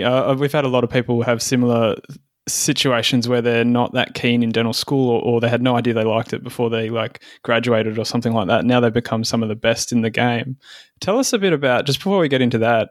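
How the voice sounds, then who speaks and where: A man's voice: mid-range voice, fairly even intonation, fast talker, no echo, clean studio sound. A young adult man hosting a podcast, asking questions in a friendly, curious way during a casual interview. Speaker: podcast host.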